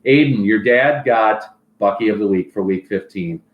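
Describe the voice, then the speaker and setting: Man, fairly low voice, fantasy league commissioner, jokey stats report, echoey room. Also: moderate pace, muffled recording, a little hiss or hum. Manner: jokey, recites stats and mock sponsor plugs. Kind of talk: casual report with banter.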